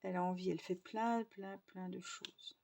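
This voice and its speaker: A woman's voice: fairly low pitch, fairly even intonation, normal speed, gravelly, darkish tone. A young woman chatting casually to her viewers, rambling with lots of fillers and restarts. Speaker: vlogger.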